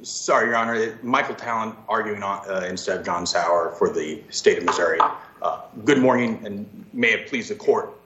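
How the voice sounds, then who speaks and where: A man's voice: fairly low pitch, normal speed, hardly any pauses, heavy background noise. A man arguing as an attorney, explaining his points emphatically in formal oral argument. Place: echoey room on a virtual hearing. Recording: echoey, dull video-call audio.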